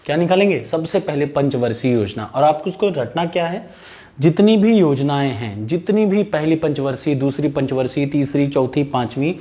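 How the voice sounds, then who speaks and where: Brisk man coaching exam students. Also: on the high side, darkish tone. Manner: direct, instructive, repeats key points for emphasis. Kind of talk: exam-prep lesson straight to camera.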